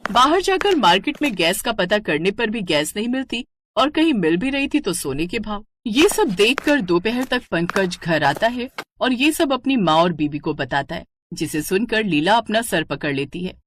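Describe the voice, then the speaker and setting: A woman's voice: medium pitch, normal speed, hardly any pauses, a little hiss or hum. A woman narrating a cartoon moral story. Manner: steady storytelling.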